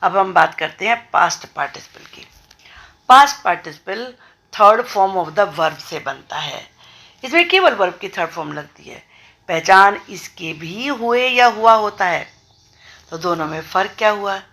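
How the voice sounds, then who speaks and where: A woman from India teaching an English grammar lesson, explaining slowly and deliberately with repeated examples. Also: mid-range voice, expressive, sharp tone.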